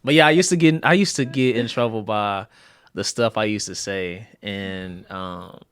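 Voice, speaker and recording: A man in his late twenties hosting a podcast, relaxed and easygoing, telling stories and nodding along. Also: lowish voice, moderate pace, clear, resonant tone, no room sound. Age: 20s. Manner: relaxed, easygoing, affirming with mm-hmms. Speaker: podcast host. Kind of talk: casual interview chat.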